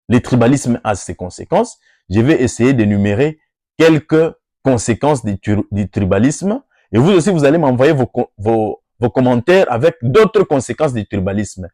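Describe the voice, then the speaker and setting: In a medium-pitched, darkish voice, a man from the Democratic Republic of the Congo speaks to workers on an NGO's behalf, using an oratorical style with emphatic rising peaks. His accent is Congolese French, and his first language is Lingala or Swahili. The sound is clean studio quality, without echo.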